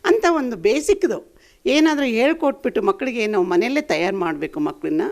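A woman's voice: on the high side, animated, fairly quick, darkish tone. An older woman, a senior member of the group, giving a frank and opinionated impromptu talk as a guest speaker. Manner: frank, opinionated, plain-spoken.

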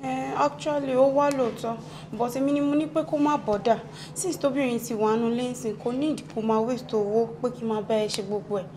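An actress with a Nigerian accent playing a tired, pregnant young wife who complains softly. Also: female voice, fairly high pitch, fairly even intonation, quick pace, slight background noise, close to an everyday voice. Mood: weary. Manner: weary, soft, complaining.

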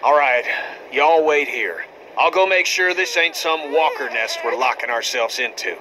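A man playing a hot-tempered, foul-mouthed survivor in a dramatic video game, blunt and gruff. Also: medium pitch, moderate pace, noisy background, lightly acted. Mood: gruff, settled.

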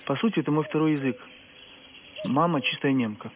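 An actor playing an earnest, reserved young soldier, speaking in a plain, restrained way. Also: male voice, fairly high pitch, a little fast, close to an everyday voice. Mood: candid. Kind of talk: film acting. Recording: phone-like film audio, faint outdoor noise.

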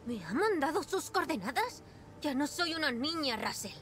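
Headstrong young sci-fi game heroine: high voice, dramatic, defiant. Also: female voice, very animated, normal speed, a bit bright, slight background noise. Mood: angry defiance. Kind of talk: video game voice acting.

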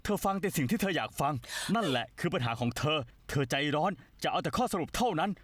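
Brief: high-voiced, fast, dismissive young rock star, dry close dub. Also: male voice, very animated, dry recording. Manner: curt, dismissive. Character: arrogant, short-tempered young rock star. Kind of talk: Thai dubbing of a TV drama.

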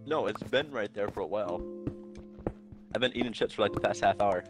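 A man's voice: fairly low pitch, a little fast, over music. A young man playing a game alongside his friend, chatting casually in a laid-back, teasing way. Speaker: co-player. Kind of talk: casual gameplay chat.

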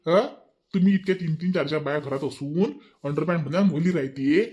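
A man voicing a bossy, petulant young husband in a cartoon, with a Vidarbha Marathi accent, nagging and repeating himself in rapid bursts. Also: fairly high pitch, darkish tone, lo-fi sound, lightly acted. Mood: whining. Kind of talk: cartoon voice acting.

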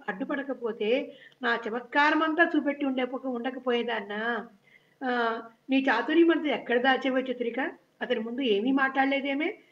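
A woman's voice: on the high side, roomy sound, lightly acted. A woman reading the lines of a shy, lovesick young princess who frets and reproaches herself, in a children's story reading. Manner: fretful, self-reproaching. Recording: dull lo-fi recording.

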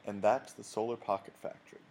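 A man giving a scripted voice-over that explains a machine step by step, in an even, explanatory way. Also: fairly low pitch, fast talker, gravelly, a little hiss or hum, rough recording.

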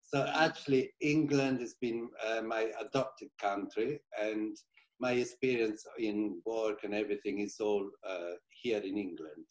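Middle-aged man, Italian accent, low voice, casual and talkative guest on a call. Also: a little slow, low-quality recording. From Italy. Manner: warm, chatty, laughs easily, searches for words. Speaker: interior designer guest. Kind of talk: casual interview answers. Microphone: video call from a home living room.

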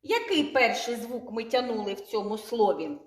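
A woman kindergarten teacher with a Ukrainian accent, speaking slowly and clearly, drawing out sounds and repeating words for the children to echo. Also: on the high side, sing-song. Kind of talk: slow, clearly articulated lesson for small children.

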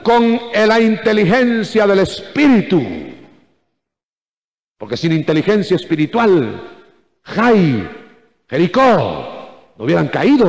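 A man preaching a sermon, emphatic and calling out to his listeners, often rising to shouts. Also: sits high. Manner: repeatedly addresses listeners as brother. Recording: echoey church hall, 1980s recording.

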